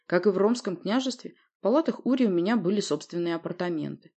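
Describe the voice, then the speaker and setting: A woman narrates a fantasy novel in a steady storytelling voice. Her pitch sits on the low side. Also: quick pace, lo-fi sound. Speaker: audiobook narrator. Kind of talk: scripted narration.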